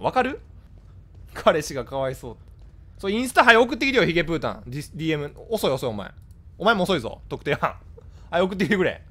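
A man with a Kansai accent chatting casually with his live-stream viewers, blunt and scolding in rapid-fire retorts. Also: high-pitched, fairly bright tone. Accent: Kansai Japanese.

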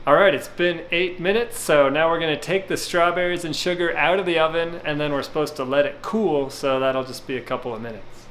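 In his home kitchen, a middle-aged home cook vlogger casually runs through a cooking demo, relaxed as he explains each step while working. His voice sits on the high side, and the rough recording picks up kitchen clatter and dish noise.

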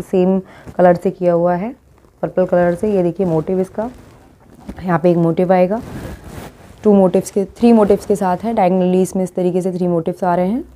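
A woman's voice: fairly low pitch, dark tone. A woman presenting a boutique's dresses, describing each garment as she shows it, speaking. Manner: describes garments while showing them. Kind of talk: product showcase talk.

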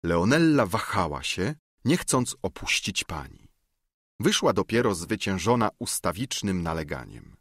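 Lively, low-voiced male audiobook narrator. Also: slightly rough, no echo, studio quality. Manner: measured, expressive storytelling. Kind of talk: scripted classic-novel narration.

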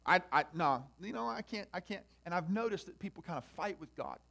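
A male pastor with a high voice delivers a sermon in a personal, conversational way and speaks straight to his listeners. He moves between soft, chatty stretches and loud, fervent preaching. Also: fast, gravelly, husky. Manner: impassioned, builds from quiet talk to loud preaching; conversational, addresses listeners directly.

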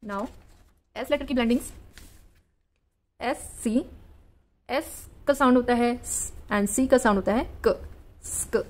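Slow, sounding-out Indian woman teacher. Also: a little high. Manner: slow, sounds out each word part by part. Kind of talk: phonics lesson for kids.

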